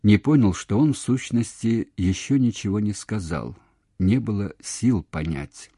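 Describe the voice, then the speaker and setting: A man reading literary prose aloud in a quiet, measured, expressive way. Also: fairly low pitch, slightly rough, no room sound, studio quality. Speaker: audiobook reader. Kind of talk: literary narration.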